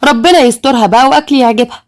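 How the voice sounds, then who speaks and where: A woman voicing a calm, patient middle-aged stepmother in an Egyptian accent, speaking in a soothing, measured way. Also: sits high, voice pushed up, lightly acted.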